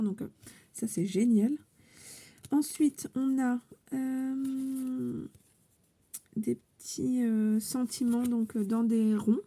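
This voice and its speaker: A woman with a fairly high but very dark voice, gravelly and husky, talks her way through a scrapbooking unboxing. She is chatty and hesitant, full of fillers, and sometimes sinks into a whisper. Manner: chatty, hesitant, with many fillers and soft asides; drops to a whisper now and then. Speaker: scrapbooking vlogger opening a contest entry. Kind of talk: casual unboxing chat.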